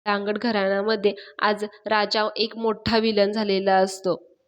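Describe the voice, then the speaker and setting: A woman's voice: mid-range voice, little pitch movement, measured pace. A woman hosting a TV serial review, recapping an episode in a chatty storytelling way. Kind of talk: casual episode recap narration.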